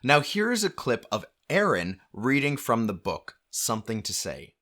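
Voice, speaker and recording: Man announcing with a lively voice. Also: medium pitch, normal speed. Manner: upbeat announcing. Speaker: host. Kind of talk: event announcements.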